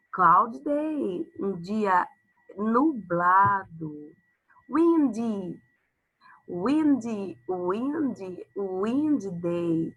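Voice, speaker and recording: A woman with a Brazilian accent, teaching a preschool English lesson, drilling words in a slow, repetitive sing-song and praising the children. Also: medium pitch, a bit bright, slightly rough, rough recording. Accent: Brazilian Portuguese. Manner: drills words, switching between English and Portuguese.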